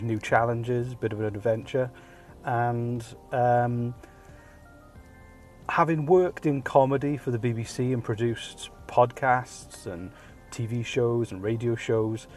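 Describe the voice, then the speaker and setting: A Welsh man in his thirties, with a mid-range voice and darkish tone, hosts a casual, jokey podcast full of ums. It's a self-deprecating monologue recorded on a phone hands-free kit while he drives his car.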